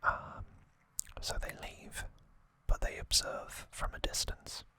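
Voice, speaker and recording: A breathy, close-miked whisper with no voice behind it carries this ASMR narration of an anime saga. The host, who runs an ASMR trivia channel, moves slowly without hurry and gently repeats words for effect.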